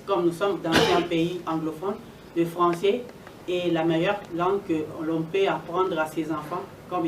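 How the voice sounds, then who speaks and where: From some distance in a reverberant, noisy room, a woman addresses an event as moderator. Her voice is on the low side. She is emphatic and repeats phrases to stress them. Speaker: event moderator introducing speakers. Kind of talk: public address.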